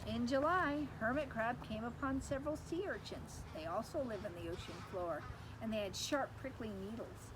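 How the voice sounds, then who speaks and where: During storytime, a woman teacher gives an expressive reading of a picture book and adds explanations and questions for the kids. She speaks at a moderate pace in a higher-pitched voice, with a lot of background noise.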